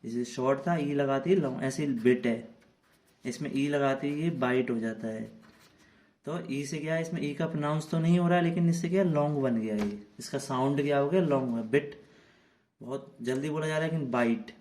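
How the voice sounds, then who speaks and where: A man's voice: medium pitch, moderate pace, a little mellow. A man from India, a teacher giving a classroom lesson to children. He speaks, spells words out letter by letter and keeps answering his own questions. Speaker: English teacher.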